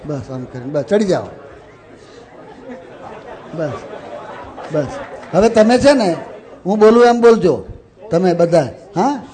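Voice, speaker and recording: High-voiced man leading a sermon. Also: lively intonation, takes it slowly, long pauses, a faint crowd. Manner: instructive, mixes English phrases into speech; directs children gently, with light laughs. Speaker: religious speaker leading an assembly. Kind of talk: sermon with guided ritual. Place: stage before an audience.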